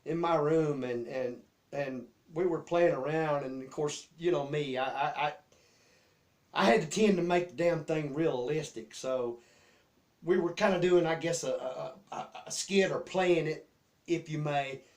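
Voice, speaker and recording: A middle-aged man from around Memphis, Tennessee, with a Southern US accent hosts and shares childhood memories in a rambling, folksy style, often repeating his words. His voice is fairly high and his pace measured.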